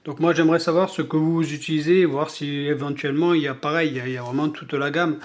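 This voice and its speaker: A man's voice: on the high side, fairly even intonation, fast. A man with a southern French accent chatting casually about model paints while he builds a scale model, rambling with many fillers and restarts. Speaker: scale-model hobby vlogger.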